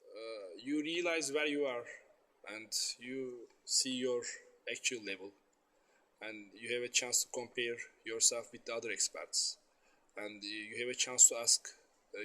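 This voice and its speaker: A man from Turkey, giving halting interview answers in English and searching for words. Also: medium pitch, pushed and bright. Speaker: nuclear safety regulator.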